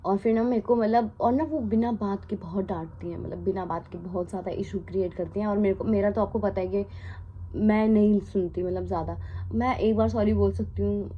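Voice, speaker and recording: A woman's voice: mid-range voice, steady tone, fairly quick, lo-fi sound, a little hiss or hum. A young Indian woman in her twenties, a flight attendant telling a storytime vlog in casual Hindi mixed with English. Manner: chatty, mixes English into Hindi, asides and laughs.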